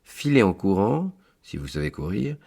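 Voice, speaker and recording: A man's voice: low voice, sing-song, normal speed, gravelly, a little mellow, breathy edge, voice pushed up, exaggerated voice. A man voicing a solemn male angel who keeps the great book, speaking formally with a raised voice. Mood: insistent. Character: solemn male angel keeping heaven's ledger.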